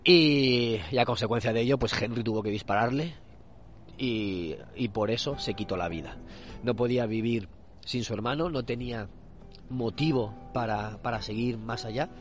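A man from Spain with a hoarse voice from a cold, hosting a casual solo commentary podcast and often restarting his words. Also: mid-range voice, soft background music. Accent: Spain Spanish. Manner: halting, repeats and restarts words. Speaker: podcast host.

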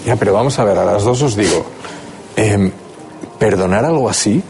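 A man's voice: on the low side, normal speed, vocal fry, background noise. A man hosting an interview, asking direct, probing questions.

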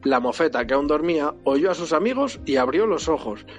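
A father reading a storybook aloud to his child with animated, expressive delivery. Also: fairly high pitch, brisk, soft background music.

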